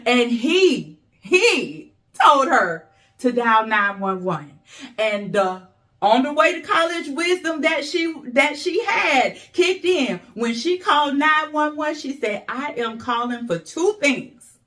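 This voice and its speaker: Slow, high-voiced woman motivational speaker. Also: animated, pushed and bright. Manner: earnest, emotional, preacher-like repetition; slow, emphatic exhortations. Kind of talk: inspirational talk.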